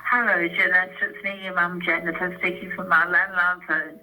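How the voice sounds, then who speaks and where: An older woman heard as a voicemail played back over a landline phone. Her voice is very bright and tense, with a tired edge. She talks formally and repeats herself, announcing who she is every time she calls. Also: fairly low pitch, flat delivery, normal speed, faint music behind, poor audio. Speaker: mother leaving voicemails.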